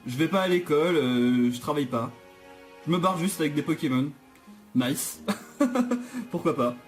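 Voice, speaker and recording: A man's voice: fairly high pitch, lively intonation, unhurried, faint music behind. A man giving let's play commentary, nervous and jokey, often restarting his sentences. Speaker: gaming channel host.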